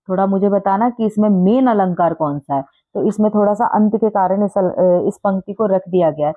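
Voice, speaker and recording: A woman gives a casual exam-prep lesson at a middle pitch, reading verses slowly and explaining each one patiently. She checks often that her listeners follow. The sound is thin and narrow, as if heard over a phone line. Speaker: teacher. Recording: tinny phone-like audio.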